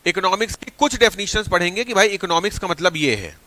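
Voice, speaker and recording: A male teacher giving an energetic exam-prep lecture, mixing Hindi with phrases. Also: sits high, fast talker, no echo.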